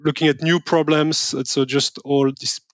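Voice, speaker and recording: A man speaking as an academic interview guest, explaining his work in a friendly, measured way. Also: on the high side, flat delivery, no room sound, highs cut off.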